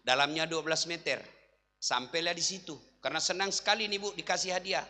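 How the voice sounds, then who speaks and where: A male Islamic preacher giving a humorous sermon, telling jokes and stories and sometimes shouting to the crowd. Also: fairly high pitch, a little fast. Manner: animated storytelling, jokes, bursts of shouting. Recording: reverberant hall.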